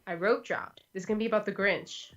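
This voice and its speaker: A woman's voice: mid-range voice, fast talker, lo-fi sound, faint music behind. A woman co-hosting a casual livestream, telling stories in a chatty way with lots of restarts. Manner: chatty storyteller, many restarts and "like". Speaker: livestream co-host. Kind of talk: casual chat.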